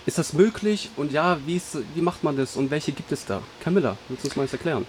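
A man's voice: on the high side, lively intonation, quick pace, slight background noise. A young man from Germany hosting a radio show, presenting in an upbeat, scripted announcer manner.

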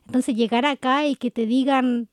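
A young adult Chilean woman co-hosting a casual conversation, chatty and quick to laugh. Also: high voice, fairly even intonation. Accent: Chilean Spanish. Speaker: co-host.

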